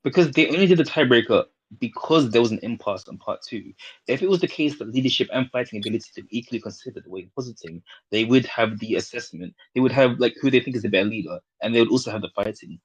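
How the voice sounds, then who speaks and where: A man's voice: medium pitch, fast talker, breathy edge, lo-fi sound. A man in a casual debate, methodically explaining his point through step-by-step analogies.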